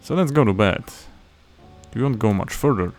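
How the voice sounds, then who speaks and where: A man's voice: fairly low pitch, expressive, normal speed, darkish tone. A man playing a video game and commenting casually, with wry, rambling asides. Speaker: let's play host. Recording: commentary over game music.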